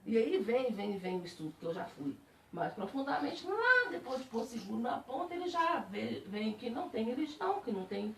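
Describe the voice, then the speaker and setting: A woman speaking as a spiritist, giving a personal testimony to a group in animated storytelling. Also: a little high, brisk, creaky, a little hiss or hum. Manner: animated storytelling, laughing while recalling. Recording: echoey room, distant mic.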